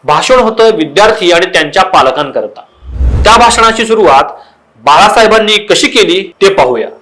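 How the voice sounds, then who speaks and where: A man with a high-pitched voice presents political commentary. He delivers it as scripted news narration, in the role of the show's presenter. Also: animated, moderate pace, fairly bright tone, poor audio.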